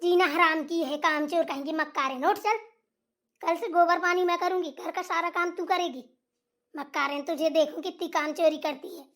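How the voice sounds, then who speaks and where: Cartoon mother-in-law, shrill and nagging, hurling taunts and insults, a woman voicing her. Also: steady tone, moderate pace, fairly bright tone. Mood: ranting. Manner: nagging, taunting, name-calling. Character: scolding shrill old village mother-in-law. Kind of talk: voice acting for a comedy cartoon.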